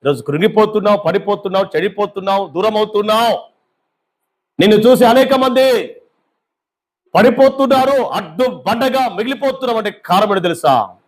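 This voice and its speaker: A man's voice: high voice, normal speed. A male pastor preaching a fervent sermon, firing off rhetorical questions at his congregation.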